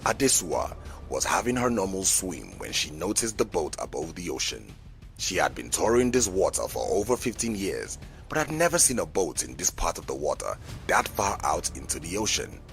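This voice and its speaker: Telling a scripted story as a dramatic narrator, this man has a very deep, gravelly voice with a fairly bright tone. His measured delivery is highly animated and swings widely up and down, while music plays clearly in the background.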